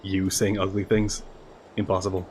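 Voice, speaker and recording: A man's voice: low voice, monotone, normal speed, darkish tone, poor audio. A man streaming a game, giving casual commentary with dry, wry asides. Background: music.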